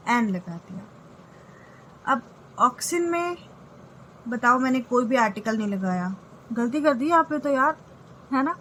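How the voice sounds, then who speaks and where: A woman English teacher walks through a grammar lesson at an unhurried, deliberate pace. Her voice sits a little high, and she keeps stopping to check that her students are following. Faint background noise sits under her voice. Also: fairly bright tone, rough recording. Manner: explains step by step, often checking with "okay".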